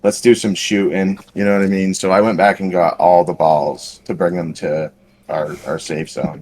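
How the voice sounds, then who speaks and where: Man, low voice, casual podcast storytelling, rambling, lots of fillers, self-deprecating. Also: slight background noise. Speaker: podcast co-host.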